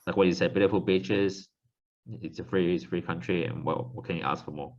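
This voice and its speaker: Very deep-voiced host from Hong Kong. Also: male voice, fairly even intonation, highs cut off. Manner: brief backchannels, halting questions. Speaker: podcast host. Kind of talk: casual conversational interview.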